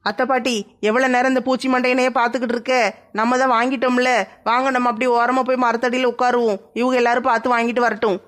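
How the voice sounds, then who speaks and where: A woman's voice: on the high side, level tone, quick pace, fairly bright tone, voice pushed down, natural voice. A woman voicing a bossy village woman.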